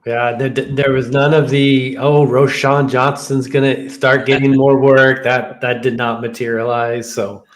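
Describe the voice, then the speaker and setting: Brief: unhurried male co-host, mid-pitched, relaxed sports talk. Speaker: podcast co-host. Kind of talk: casual sports chat.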